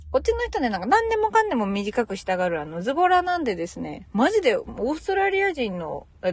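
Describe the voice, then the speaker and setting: A young woman talks casually on her podcast, her pitch bouncing widely as she laughs and mimics greetings. The sound is dry and close, with no room around it. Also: a bit bright, breathy edge, no room sound. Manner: chatty, laughing, imitating local greetings. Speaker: podcast host. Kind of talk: casual solo chat.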